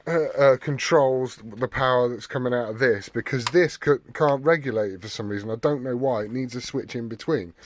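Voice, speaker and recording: A man with a mid-range, darkish voice hosts a hobbyist repair vlog. He works hands-on, informal and sweary, muttering to himself as he goes.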